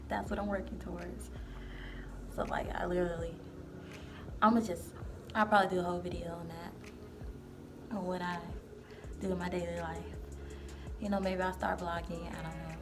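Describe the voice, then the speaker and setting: A woman's voice: lowish voice, little pitch movement, normal speed, pauses often. A woman of twenty giving a casual, rambling vlog tour, full of "like" and "you know". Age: 20s. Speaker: vlogger. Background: background music.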